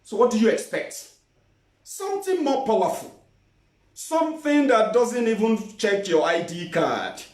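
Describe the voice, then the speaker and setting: A man's voice: high-pitched, big pitch swings, a little slow, a little mellow. A man hosting a morning political commentary broadcast, sarcastic, mocking and emphatic. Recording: roomy echo, distant from the mic.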